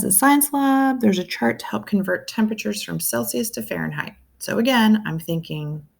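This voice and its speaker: A woman with a lowish, gravelly voice talks through a math lesson. She thinks out loud as she works each problem and keeps checking in with a quick "right?". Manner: thinking aloud step by step, asks the viewer "right?". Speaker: math teacher.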